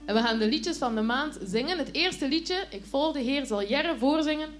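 A woman teacher telling a Bible story to children in a lively, expressive way, asking them questions as she goes. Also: high voice, moderate pace, faint music behind.

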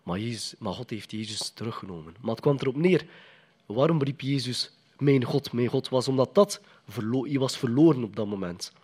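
A man's voice: mid-range voice, expressive, brisk, darkish tone, breathy edge. A man preaching a sermon in a conversational, emphatic way, often putting questions to the congregation.

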